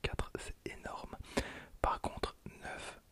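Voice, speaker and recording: Card packs get casual commentary from an ASMR creator in their twenties, whose breathy whisper stays hushed as phrases are softly repeated. Everything comes out extremely slowly.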